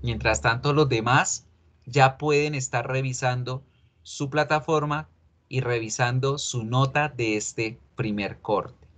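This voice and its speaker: A man's voice: medium pitch, takes it slowly, a bit bright. Man, Colombian accent, nasal congested voice, stuffy nose, teacher explaining to online class, informal. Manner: informal, instructive, checks understanding often. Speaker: English teacher. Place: online class call with screen share.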